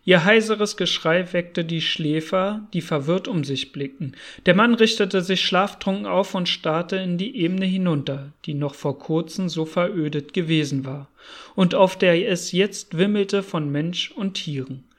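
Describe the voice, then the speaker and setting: High-voiced man narrating a story. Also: unhurried, fairly bright tone. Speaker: audiobook reader. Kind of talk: scripted narration.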